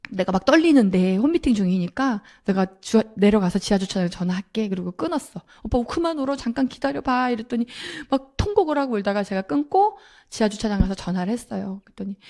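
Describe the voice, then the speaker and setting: A woman's voice: medium pitch, mellow. A middle-aged woman telling a personal story to an audience, acting out quoted lines with animation. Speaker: speaker at a sales seminar.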